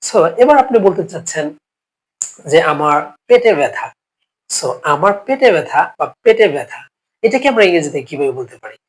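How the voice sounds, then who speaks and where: A man's voice: a little high, sing-song, normal speed, low-quality recording. A male English teacher who is sick with a cough, giving a spoken English lesson step by step, repeating each phrase and checking in with the learners often.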